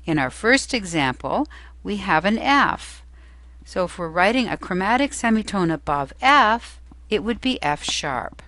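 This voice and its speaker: A woman's voice: mid-range voice, big pitch swings, measured pace, fairly bright tone, no echo. A woman teacher giving an instructional lesson, explaining patiently and carefully, step by step. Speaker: music theory teacher.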